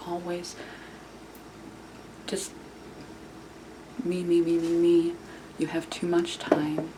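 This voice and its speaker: Clear background noise surrounds a woman talking quietly and hushed, as if at night beside a sleeper. Her voice is low and creaky, and she offers informal self-help advice to viewers in a halting way, repeating words for emphasis. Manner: hushed, quiet whispering so as not to wake someone. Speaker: video channel host. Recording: clearly noisy room recording.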